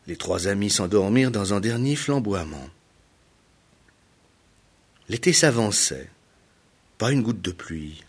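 A man reading a children's fable aloud in slow, expressive storybook narration. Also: lowish voice, slightly rough.

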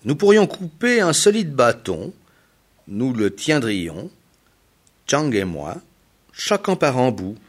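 A man's voice: medium pitch, big pitch swings, slow pace, long pauses, voice pushed up. A man voicing a sensible, worried male heron in a storybook tale, speaking earnestly and in warning. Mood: urgent. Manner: earnest, cautioning.

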